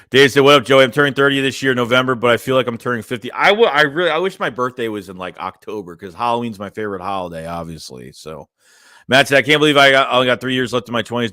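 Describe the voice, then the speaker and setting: A young man hosts a casual fan-channel livestream, reading out live chat messages and rambling loosely with lots of "man" and "dude." His voice is fairly low-pitched with a sharp tone, captured in a dry, clean studio recording.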